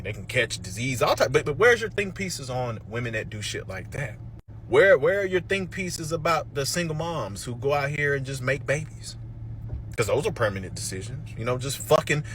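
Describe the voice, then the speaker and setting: A man's voice: mid-range voice, sharp tone, a little hiss or hum. A man in a heated reaction rant, swearing and speaking in a sarcastic, combative way.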